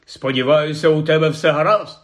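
Self-important teenage prefect, voiced by a man, pompous and slow. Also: fairly high pitch, natural voice.

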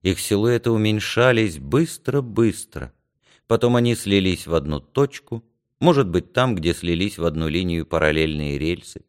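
A man narrating an audiobook in a low voice with a widely moving, expressive pitch. He drops softly at the ends of phrases. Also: clear, resonant tone. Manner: expressive, with soft lowered pauses.

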